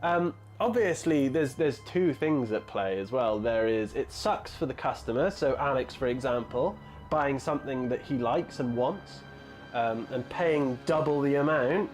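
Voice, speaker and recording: A man's voice: mid-range voice, lively intonation, unhurried, darkish tone, faint music behind. A man in his thirties chatting casually on a live stream, rambling with lots of fillers and answering viewers' messages. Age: 30s. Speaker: hobby streamer.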